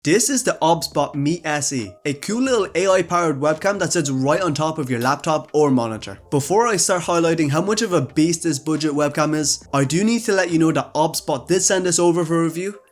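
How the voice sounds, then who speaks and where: A man's voice: fairly high pitch, lively intonation, fairly quick, hardly any pauses. A young man with an upbeat, casual manner, giving a scripted tech product review with gamer slang. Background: faint background music.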